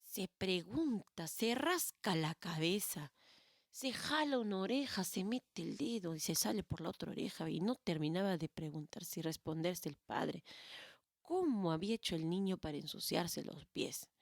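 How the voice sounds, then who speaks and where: A Peruvian woman narrates a folk tale in an expressive, animated way. Her voice sits low for a woman and sounds dry, close and without room echo. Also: moderate pace, vocal fry. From Peru. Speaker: storyteller. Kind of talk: oral storytelling.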